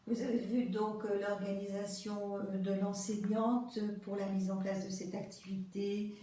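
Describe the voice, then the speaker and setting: A woman gives a lecture commentary in a slow, measured voice with frequent hesitant pauses. Her tone is mellow and fairly flat. She sounds far from the mic in a very echoey room. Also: mid-range voice. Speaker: school inspector presenting classroom footage. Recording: distant echoey room with faint noise.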